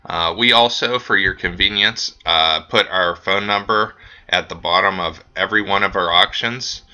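A man from an auction house giving a casual screen-recorded walkthrough of the company's bidding website, relaxed and dotted with ums and uhs. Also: sits low, moderate pace, lo-fi sound.

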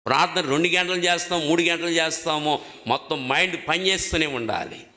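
A man's voice: on the high side, a little fast, pushed and bright. A male preacher giving a sermon, emphatic, putting questions to the congregation and repeating key words. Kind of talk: sermon teaching on prayer. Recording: long hall reverb.

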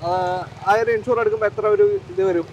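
Man, Kerala accent, fast casual interviewer, Malayalam-English mix, high voice, outdoor noise. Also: steady tone, highs cut off. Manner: mixes English words into Malayalam. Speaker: host of a used car video. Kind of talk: casual car review interview. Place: outdoor car lot. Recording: clear outdoor background noise.

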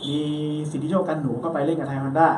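A man hosting a football talk show, chatting casually and quickly, with lots of polite particles. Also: on the high side, level tone, noisy background. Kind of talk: casual sports chat. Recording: roomy echo, distant mic, faint ambience.

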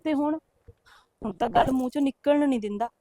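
A woman's voice: high-pitched, fairly quick. A young woman with a Punjabi accent playing a newly married wife who coaxes and complains to her husband. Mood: lamenting. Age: young adult. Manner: soft, coaxing, complaining. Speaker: actor in a short film. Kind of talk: village short-film acting.

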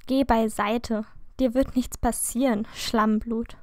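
Woman putting on a loud snarling dark wizard. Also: fairly high pitch, steady tone, slow, no echo, studio quality. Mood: cold, menacing. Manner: snarling, commanding, mocking. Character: cold cruel male dark wizard.

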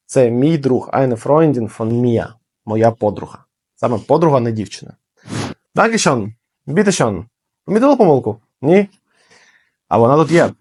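A young man teaching German in a casual video lesson, explaining quickly and lively, with fillers and emphatic repeats. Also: medium pitch.

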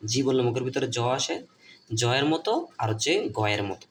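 A man's voice: medium pitch, brisk, a little hiss or hum. A man with a Bangladeshi Bengali accent, teaching a lesson at a board, repeating each point and asking and answering his own questions.

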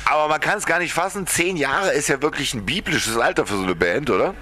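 A man hosts a small local TV interview with short, friendly questions. His voice is bright and clear at a middle pitch, with faint room noise behind him. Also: expressive, fairly quick. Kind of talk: TV interview hosting. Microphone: handheld mic.

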